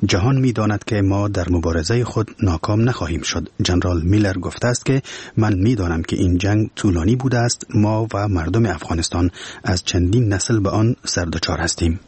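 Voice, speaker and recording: A man with an Afghan Dari accent reads a radio press review in a measured, formal manner. His voice sits very low and has a husky grain. The studio sound is dry and close. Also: a little mellow, no echo. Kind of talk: scripted news reading. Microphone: studio microphone.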